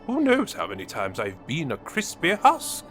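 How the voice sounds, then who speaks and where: A man's voice: mid-range voice, wildly swooping pitch, a bit bright, soft background music. A man playing a menacing, gloating villain mastermind in a fan audio drama monologue, with a sneering, theatrical delivery. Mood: brooding boast. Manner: theatrical, sneering, drawn-out delivery swinging between whispers and outbursts.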